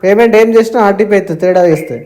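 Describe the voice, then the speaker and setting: A man argues hard on a phone call, firing off his points at great speed. His voice is dark and mellow, and he keeps circling back to the same phrases, dropping in English words. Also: high voice, very fast. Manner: argumentative, repeats himself, mixes in English phrases. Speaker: borrower on a call with an agent. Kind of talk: heated phone argument.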